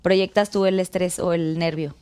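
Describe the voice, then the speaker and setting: A woman's voice: lowish voice, fairly even intonation, moderate pace, darkish tone, clear, resonant tone. A woman interviewing guests in a casual chat, asking long, rambling questions. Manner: chatty, asks rambling questions.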